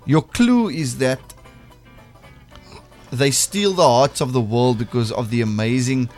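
This breakfast radio quiz host has a broad South African accent and a medium-pitched voice with a darkish tone, and he takes his time. He jokes and teases playfully while a music bed plays under him.

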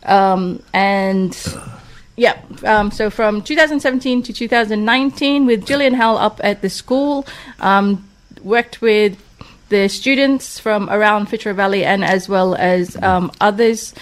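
A woman's voice: medium pitch, unhurried. Chatty woman radio host. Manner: chatty, laughs often, many fillers. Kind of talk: casual radio chat. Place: small radio studio.

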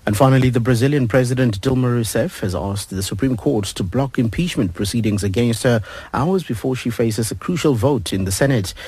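A man's voice: medium pitch, brisk, hardly any pauses, warm tone, breathy edge, rough recording. A man reading a scripted radio news bulletin.

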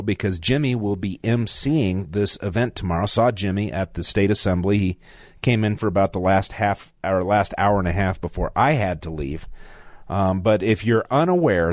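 A man's voice: fairly low pitch, dry recording, studio quality. An older man guest hosting a talk radio show, chatting in a rambling way with asides. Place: radio studio. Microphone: studio mic.

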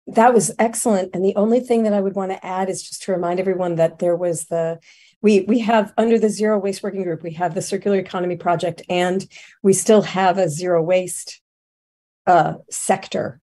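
A woman making informal remarks as a committee member, halting and often rephrasing as she goes. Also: fairly low pitch, steady tone, dark tone.

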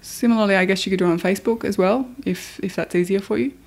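A woman's voice: mid-range voice, fast, darkish tone. An Australian woman hosting a podcast in a casual, chatty style. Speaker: podcast host.

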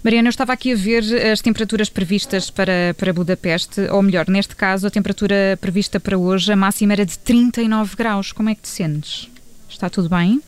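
A woman's voice: mid-range voice, fairly even intonation, a little fast, smooth. A woman with a European Portuguese accent hosting a news show and interviewing a correspondent in a conversational way. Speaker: news radio host.

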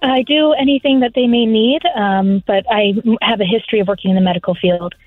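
A woman's voice: mid-range voice, brisk, no echo. A woman with a patient, soothing customer service voice chats as a phone-in guest. Her line is dull and lo-fi with little room sound, and music plays behind her. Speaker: radio show phone-in guest, personal assistant. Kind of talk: friendly phone interview chat.

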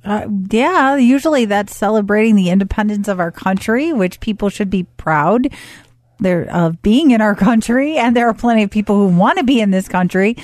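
A woman's voice: mid-range voice, lively intonation, moderate pace, darkish tone, no echo, studio quality. A woman co-hosting a radio show in casual conversation. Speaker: radio co-host. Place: dry radio studio.

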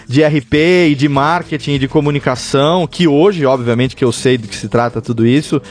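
A man's voice: mid-range voice, normal speed. A man from Brazil, a podcast guest, telling a story in a casual interview and acting out the dialogue, with a few restarts. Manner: animated storyteller, acts out dialogue, some restarts.

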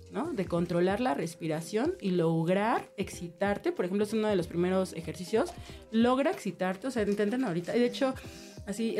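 With a medium-pitched, dark-toned voice, this podcast co-host, a young woman, laughs and speaks frankly while recounting something personal in a casual chat.

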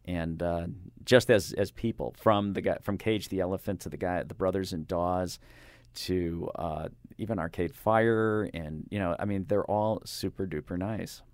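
An older man, a radio interviewer, talking in a rambling, halting way with lots of fillers and restarts. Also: deep voice, fairly even intonation, no echo, clean studio sound. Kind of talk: casual interview chat. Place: radio studio. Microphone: studio microphone.

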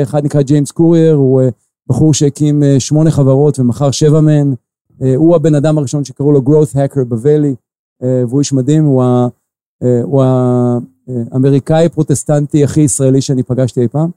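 A man in his forties with an Israeli accent, an investor answering interview questions slowly, with many filler pauses. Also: medium pitch, fairly even intonation, mellow, smooth, no echo. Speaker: investor guest.

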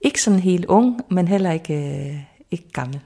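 A woman's voice: on the low side, animated, warm tone. A woman in her sixties answering an interview question in a hesitant, reflective way. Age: 60s. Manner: hesitant, reflective, many fillers.

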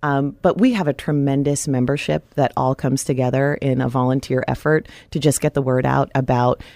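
Woman w a low voice, upbeat and informative, dry studio mic. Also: fairly even intonation, normal speed, creaky, warm tone, no room sound. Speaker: dental society guest. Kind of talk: radio interview.

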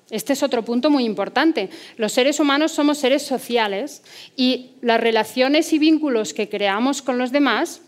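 Psicóloga española seria y algo aguda. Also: female voice, on the high side. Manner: earnest, rhetorical questions. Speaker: psychologist giving a talk. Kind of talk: motivational talk.

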